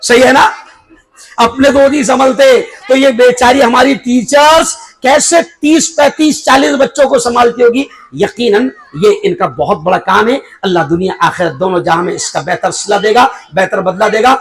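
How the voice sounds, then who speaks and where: A middle-aged man with an Indian Urdu accent, a cleric giving a lively parenting sermon at a school function. He speaks with emphasis, prods the crowd with rhetorical questions and sometimes raises his voice to near shouting. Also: very high-pitched, rough recording. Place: school event hall before an audience.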